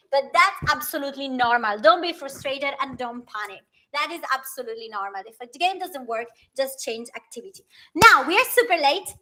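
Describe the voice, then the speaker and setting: Female trainer for an informal teacher-training talk, bright high voice, reassuring, lays out simple rules. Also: low-quality recording. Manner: reassuring, instructive, short repeated rules. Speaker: trainer of children's language teachers.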